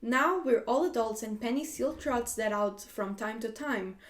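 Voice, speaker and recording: A woman's voice: fairly high pitch, unhurried. A woman hosting a casual reaction video, reading posts aloud and chatting with lots of "like" and frequent laughs. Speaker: YouTube host reacting to posts.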